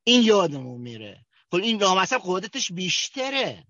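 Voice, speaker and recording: Kermani man sharing a halting testimony. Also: high voice, big pitch swings, sharp tone, dry recording. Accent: Kermani Persian. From Kerman, Iran. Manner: halting, with many fillers and restarts. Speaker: recovery group member sharing his story. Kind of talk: personal testimony at a recovery meeting. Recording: dull, dry recording.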